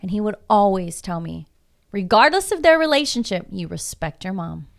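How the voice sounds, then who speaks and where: A podcast guest from Houston, Texas, whose first language is Spanish, speaks in a medium-pitched, very animated voice with vocal fry at a moderate pace. Her casual conversation is emphatic and reflective, full of rhetorical questions.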